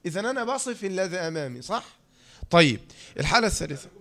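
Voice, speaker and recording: A man's voice: sits high, very animated, fast talker, a bit bright. A man with an Egyptian accent teaching reading rules in a lecture, repeating key phrases and quizzing his listeners. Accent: Egyptian Arabic.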